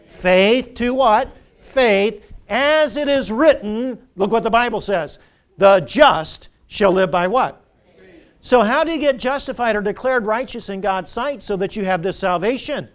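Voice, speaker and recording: A high-pitched male preacher in middle age delivers a sermon in a church. He drives his points home with repeated phrases and call-and-response questions to the congregation. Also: expressive, measured pace.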